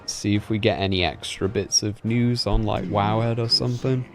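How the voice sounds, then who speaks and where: A man streaming games, chatting and thinking aloud in a relaxed way. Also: lowish voice, moderate pace, soft background music. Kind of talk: casual reaction livestream.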